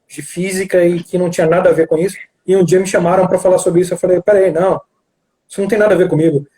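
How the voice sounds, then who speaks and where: Male guest from Brazil, high but warm voice, acts out quoted dialogue while he tells a story over a video call. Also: low-quality recording. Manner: animated storyteller who acts out dialogue, frequent restarts. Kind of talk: storytelling in a live video chat.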